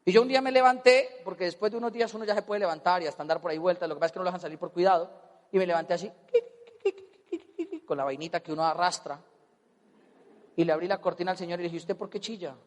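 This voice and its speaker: A Colombian man telling a personal story as a motivational speaker, animated and comic, acting out voices. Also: high-pitched, very fast, long pauses, long reverb tail. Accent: Colombian Spanish. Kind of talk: storytelling talk on stage.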